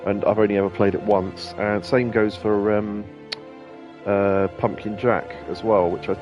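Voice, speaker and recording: A man's voice: fairly low pitch, little pitch movement, measured pace, highs cut off, faint music behind. A man casually talking through a video game he is playing, rambling loosely with lots of ums and restarts. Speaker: gaming streamer and host. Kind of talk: casual let's-play commentary.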